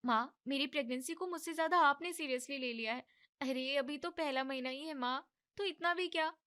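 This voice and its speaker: A woman voicing an irritable young daughter-in-law in a cartoon family drama, complaining and pushing back. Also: bright, forceful tone. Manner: high, complaining and quick.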